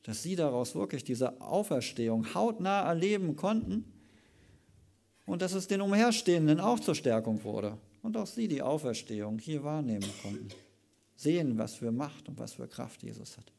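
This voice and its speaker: A man delivers a sermon at a church service, retelling a Bible story with lively emphasis and chatty asides. His voice is gravelly and dark, with a mellow tone. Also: fairly high pitch, normal speed. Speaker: preacher.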